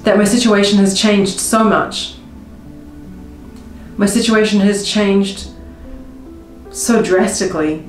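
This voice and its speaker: A woman coaching viewers through a tapping session, speaking slow, emotive first-person affirmations. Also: medium pitch, steady tone. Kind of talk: guided tapping script spoken in first person. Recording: roomy with faint music behind.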